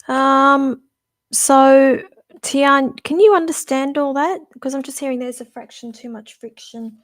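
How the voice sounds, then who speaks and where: A woman's voice: sits high, steady tone. A middle-aged woman giving a casual live-stream psychic reading, musing aloud and stopping and restarting as she talks. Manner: chatty, musing aloud, halting with restarts and fillers. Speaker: psychic reader.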